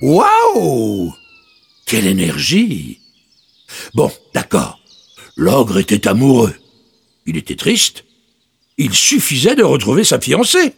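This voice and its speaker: Gravelly expressive male storyteller. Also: mid-range voice, a little slow, long pauses, slight background noise. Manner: expressive, wide-ranging, incredulous asides. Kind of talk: scripted children's story narration.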